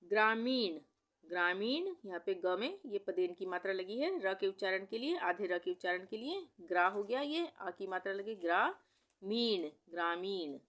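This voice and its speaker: A woman teaching Hindi spelling as a voice-over, who says each word slowly and then repeats it several times. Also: medium pitch, expressive, fairly bright tone. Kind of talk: spelling lesson.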